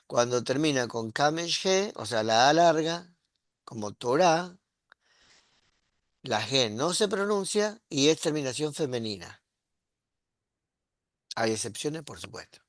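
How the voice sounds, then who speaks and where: A man's voice: on the high side, fairly bright tone, dry recording, clean studio sound. A middle-aged man, teaching a Hebrew grammar lesson and often checking in with his students. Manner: patient, explaining step by step with frequent "¿sí?" and "¿ves?" checks.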